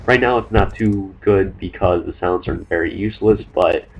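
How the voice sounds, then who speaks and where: A young man with a deep, low-pitched voice runs through his thoughts as gameplay commentary, rushing along and stumbling over fillers and restarts. Faint game noise sits behind his voice. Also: gravelly, lo-fi sound. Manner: fast, rambling, with many fillers and restarts. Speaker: gaming commentator.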